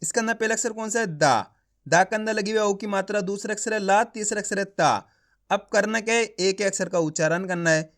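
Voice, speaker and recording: A male teacher giving a reading lesson, sounding out each syllable slowly and then saying the whole word, coaxing viewers to practise. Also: high voice, fairly bright tone. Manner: addresses viewers as friends, coaxing them to practise.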